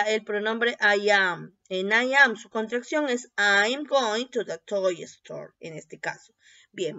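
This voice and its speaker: A woman teaching a bilingual English lesson, repeating each word slowly and often checking with a quick "ok?". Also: fairly high pitch, a bit bright. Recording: dull lo-fi recording.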